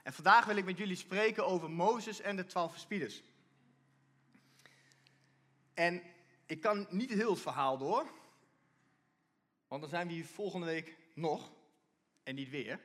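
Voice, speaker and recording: A man preaching a sermon, lively, often repeating and restarting phrases and reading scripture aloud. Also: high voice, moderate pace, long pauses.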